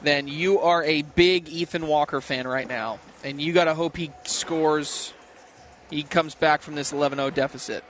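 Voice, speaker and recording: A man's voice: a little high, fairly even intonation, moderate pace, fairly bright tone, slight background noise. A man commenting on a cornhole tournament from a booth, analytical and bantering with his co-host. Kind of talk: casual sports commentary.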